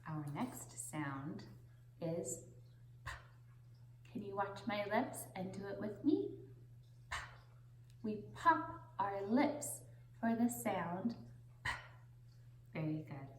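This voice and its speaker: A young woman teaching a children's phonics lesson in a deliberate singsong, pausing for the listener to repeat. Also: mid-range voice, expressive, slight background noise. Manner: slow, deliberate singsong with pauses for repetition. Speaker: preschool teacher. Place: indoor classroom, seated on the floor. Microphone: camera a few metres away. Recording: roomy echo from camera distance.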